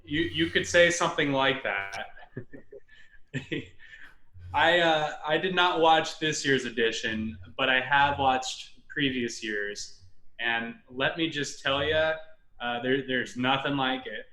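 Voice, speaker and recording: A man's voice: mid-range voice, slow, bright, forceful tone, reverberant. A man as a guest on a sports podcast, joking and laughing through casual banter.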